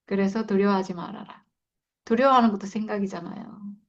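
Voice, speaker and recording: A woman's voice: mid-range voice, fairly even intonation, fairly quick. A woman leading a Bible study, reading verses and explaining them in a reflective, repeating way. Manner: reflective, repeats and stresses points. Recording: slightly dull lo-fi sound.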